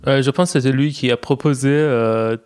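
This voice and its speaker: A man from Iran, appearing as a guest, tells his personal story in French in a medium-pitched, steady, clear, resonant, slightly mellow voice at normal speed. He is hesitant, restarting often, saying "euh" a lot, and mixing in English words.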